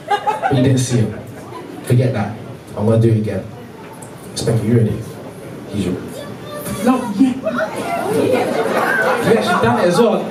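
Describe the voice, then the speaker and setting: A man casually warming up an audience as host, chatty and repeating himself as he appeals to them. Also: a little high. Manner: repetitive, conversational, appealing to the audience. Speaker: host of a live comedy show. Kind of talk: casual crowd warm-up. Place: live stage before an audience. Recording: echoey live venue, distant mic, audience noise.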